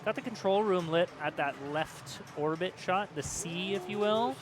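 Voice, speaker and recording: A chatty man with a high voice, speaking at a moderate pace, co-commentates a pinball tournament stream from a pinball arcade bar. His casual live play-by-play is self-deprecating, and he laughs often.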